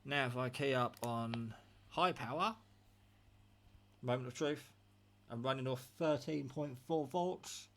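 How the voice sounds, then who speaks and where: A radio hobbyist sits at a table at home testing a gadget hands-on, narrating casually in a chatty, rambling, matter-of-fact and self-deprecating way. His voice is medium-pitched, creaky and fairly bright, recorded on a handheld phone camera held by someone off screen.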